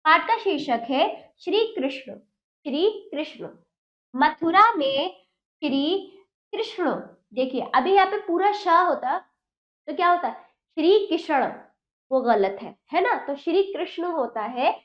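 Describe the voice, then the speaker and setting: A high-pitched woman teaches young pupils, sounding each syllable out slowly and asking questions that she answers herself. The recording is roomy and echoey, with a slightly muffled tone. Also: lively intonation. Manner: slow, over-enunciated syllables for pupils. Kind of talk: Hindi grammar lesson for children.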